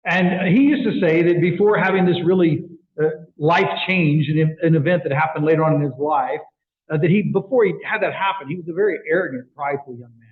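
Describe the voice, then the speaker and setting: Brief: middle-aged male speaker, fast, animated storyteller, higher-pitched, tinny echoey room sound. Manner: animated storyteller with frequent fillers and restarts. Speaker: guest speaker for a sports outreach ministry. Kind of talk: storytelling speech to a club.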